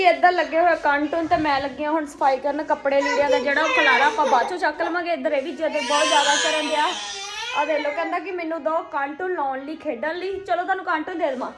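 A woman's voice: sits high, fast talker. A young woman chatting casually as a home vlogger, often repeating words for emphasis. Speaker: family vlogger. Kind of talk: casual chatty home vlog, talking to viewers and family. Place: busy family home. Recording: noisy handheld home recording.

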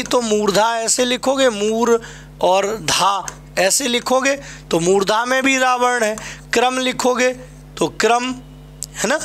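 A man's voice: high voice, a bit bright. A male teacher from Uttar Pradesh giving an exam-prep Hindi lesson, drilling students by asking a question and then answering it himself.

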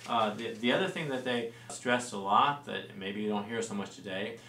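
A man in his forties with a fairly low voice talks through church history in a relaxed, explanatory way, often pausing on fillers and restarting phrases. He sounds a little distant from the mic in a roomy space, with a faint hiss behind him. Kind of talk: explanatory studio discussion. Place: small studio set with lamp and plants.

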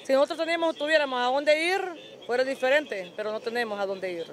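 Insistent high-voiced Honduran woman. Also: fast. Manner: insistent, pleading. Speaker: interviewee. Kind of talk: emotional street interview. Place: outdoors under a tarp shelter. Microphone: handheld mic.

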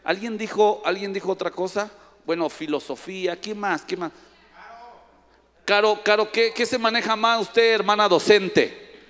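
A male pastor preaching a lively sermon, teasing and calling on people in the congregation by name. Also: sits high, normal speed. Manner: playful, teasing, calls on audience by name. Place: large church hall. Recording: long echo of a church hall.

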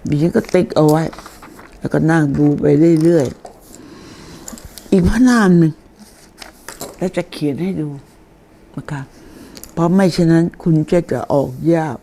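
An older woman giving a chatty, informal lesson on deity names, explaining slowly and reading names aloud. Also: low voice, warm tone, a little hiss or hum.

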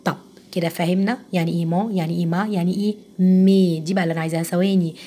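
A woman with an Egyptian Arabic accent teaches French grammar to young pupils, her voice husky and fairly low. She talks quickly but slows to repeat each word, checking often that the class follows. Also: steady tone, dark tone. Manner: patient, repeating words slowly and checking understanding.

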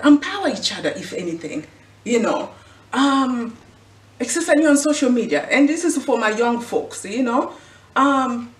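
With a high-pitched voice and a Congolese accent, a middle-aged woman from Central Africa's Congo preaches earnest motivation to the camera, frequently repeating a rhetorical question. She works as a fashion vlogger and clothing designer. A distant camera picks her up in an indoor room with a clothing rack, and the room echoes.

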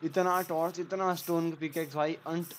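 A man hosting a casual gaming video, talking excitedly with frequent exclamations. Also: a little high, moderate pace. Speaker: gaming channel host. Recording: noisy background.

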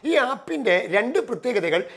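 A middle-aged man from Kerala gives a motivational career talk with a notably high voice. He moves through numbered points, speeding up and then slowing down to stress key phrases. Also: sing-song, vocal fry, fairly bright tone. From Kerala, India. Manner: numbered points, shifting between quick runs and slow stressed phrases. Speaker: career trainer and personal coach.

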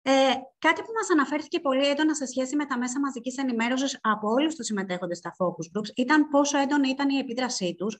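With a voice pitched on the high side, a woman presents research at an online seminar, her measured speech often interrupted by hesitations.

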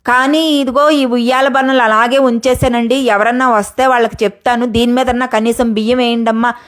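Middle-aged woman, personal vlog, fairly high voice, tearful and heartfelt, talks straight to camera. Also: fairly even intonation, brisk. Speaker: vlogger.

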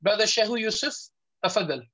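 A man teaching a beginners' lesson online, patiently correcting students and slowly demonstrating each sound. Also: high voice, animated, pushed and bright. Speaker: Tajweed teacher. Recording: slightly dull lo-fi audio.

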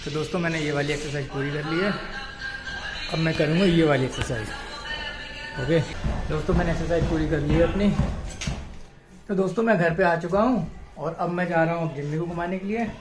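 A man's voice: on the high side, brisk, long pauses, music in the background. A young man in his twenties chatting casually to viewers while filming a vlog on a phone at arm's length. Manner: chatty, addresses viewers as friends. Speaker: vlogger. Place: apartment complex gym and game room, indoors and outdoors. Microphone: phone camera held at arm's length. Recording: noisy phone recording.

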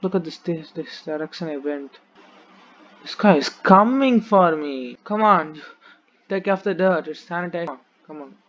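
A young man with a Tamil accent giving excitable gameplay commentary as a gaming YouTuber, repeating phrases rapidly. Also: fairly high pitch, dull audio.

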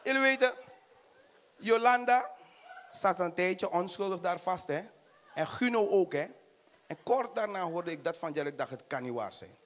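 A man with a Surinamese Dutch accent doing stand-up comedy on stage, animated and acting out voices with shouted punchlines. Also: high-pitched, normal speed, pauses often, slight background noise.

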